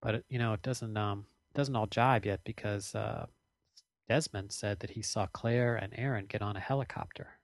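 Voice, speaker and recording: A man's voice: fairly low pitch, fairly even intonation, moderate pace, gravelly, no room sound. A man co-hosting a podcast, casually recapping a TV episode at length and correcting himself as he goes. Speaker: podcast co-host.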